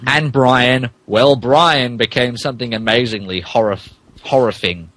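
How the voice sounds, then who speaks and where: A podcast host reads fan fiction aloud in mock-dramatic narration, breaking character for amused asides. His voice is medium-pitched, unhurried and a bit bright, theatrical in manner. The recording is dry.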